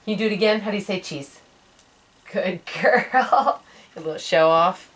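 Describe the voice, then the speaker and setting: A woman's voice: medium pitch, normal speed, distant mic, low-quality recording. A young woman at home, patiently quizzing her baby with pictures, repeating words, praising her and imitating animal sounds. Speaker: mother quizzing her toddler. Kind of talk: home video of a parent coaching a baby to name pictures.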